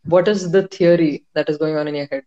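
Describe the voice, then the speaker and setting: A woman's voice: deep voice, fairly even intonation, fairly quick, dark tone, dull audio. North Indian woman hosting a casual podcast. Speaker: podcast host. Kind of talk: casual conversational interview.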